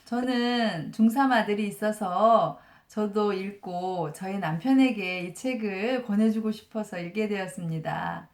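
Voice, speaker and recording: Calm woman teacher explaining, echoey room. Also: mid-range voice, unhurried, hardly any pauses. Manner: calm, explanatory, uses many soft fillers. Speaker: elementary school teacher reviewing a parenting book. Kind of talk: explanatory book review talk. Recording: roomy echo.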